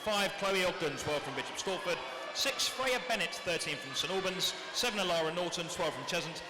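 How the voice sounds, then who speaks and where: A man announcing a swimming meet over a PA system, reading lanes, names and times briskly and matter-of-factly, with race commentary. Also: sits high, expressive, a crowd in the background. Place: indoor swimming pool hall. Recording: echoey PA sound in a large hall, with noise.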